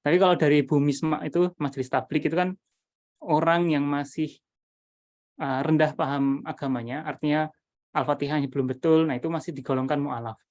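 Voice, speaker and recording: A man's voice: on the high side, fairly even intonation, a little fast, a little mellow. A man presenting his Quran reading method to teachers over a video call, thinking aloud with many fillers and restarts.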